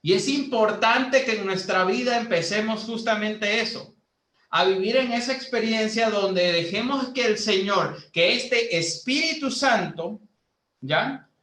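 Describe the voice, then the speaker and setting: Male lay preacher from Bolivia, unhurried teaching sermon, echoey room sound. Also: high voice, pushed and bright. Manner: slow, teaching tone with many fillers, rising to emphatic preaching. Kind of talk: sermon to a youth group.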